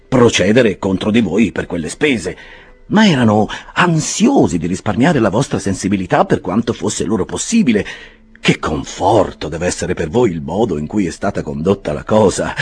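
A man reading an audiobook, voicing a smug young law clerk with falsely polite, drawn-out phrasing. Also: low voice, darkish tone, slightly rough, exaggerated voice.

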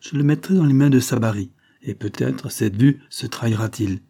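A man voicing a tense, brusque police agent who speaks hard and urgent, raising his pitch above his narrating voice. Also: moderate pace, gravelly, dark tone, husky. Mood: brusque, intense.

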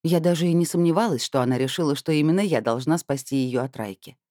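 Wry audiobook narrator, female, dark mellow tone, dry close sound. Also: low voice, quick pace, no room sound. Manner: wry, conversational storytelling. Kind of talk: first-person novel narration.

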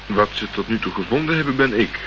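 In a Dutch radio crime play, an actor portrays a wry investigator whose questions are polite but pointed, probing and dry in mood. His fairly low voice is quick, lively in intonation and close to everyday speech. The old recording sounds dull and noisy.

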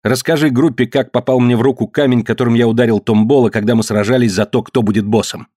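A man voicing a fierce young man who shouts defiant commands and challenges in a story reading. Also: mid-range voice, fairly even intonation, quick pace, dry recording, clean studio sound, lightly acted. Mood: commanding.

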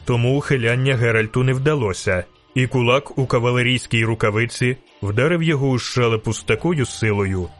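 A man narrating a fantasy audiobook with steady, vivid storytelling. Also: mid-range voice.

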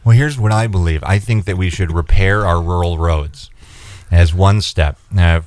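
Very deep-voiced candidate. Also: male voice, a little mellow, no room sound. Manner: earnest, measured, with fillers and restarts. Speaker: state senate candidate, studio guest. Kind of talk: radio interview, campaign talk. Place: radio studio.

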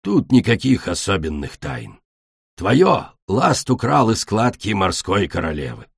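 A man voicing a harsh, bitter female dragon in a storybook reading, with a low, cold, husky delivery. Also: wildly swooping pitch, a little slow, dry recording, studio quality, heavily acted. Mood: scornful. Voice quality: gruff, cold.

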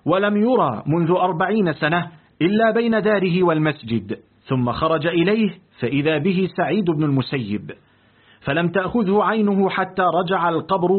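A man narrating a literary audiobook in a deliberate, expressive reading. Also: fairly high pitch, breathy edge. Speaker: audiobook reader. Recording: tinny, lo-fi phone-like audio.

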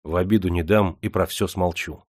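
A gruff but kindhearted young miner, voiced by a male narrator speaks in plain old peasant speech from this audiobook tale. The voice is very deep and close, with a dry, dead recording. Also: fairly even intonation, brisk, no room sound. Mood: reassuring.

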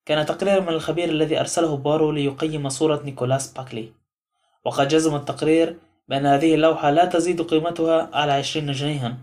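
A man narrating an audiobook novel in a measured storytelling manner. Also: a little high, steady tone, a little mellow. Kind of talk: scripted narration.

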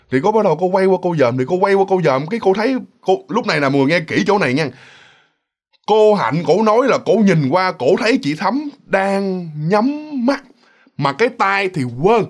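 Male ghost-story narrator, animated, higher voice, talks straight to listeners. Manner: animated, repetitive, addresses listeners.

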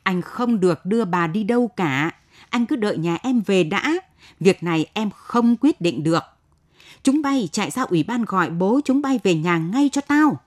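A woman voicing a middle-aged village wife who loudly wails and laments to the neighbours. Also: medium pitch, lively intonation, normal speed, lightly acted. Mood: flustered. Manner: loud, lamenting wail.

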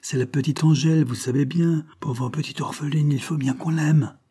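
A man's voice: fairly high pitch, fairly even intonation, normal speed, mellow, husky, pitched above the performer's own voice. A man voicing Marianne, a devoted twelve-year-old farm girl, in an audiobook reading. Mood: tender.

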